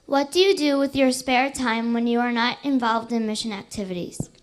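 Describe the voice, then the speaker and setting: A woman's voice: fairly high pitch, moderate pace. A woman reading out a prepared question at a student question-and-answer event.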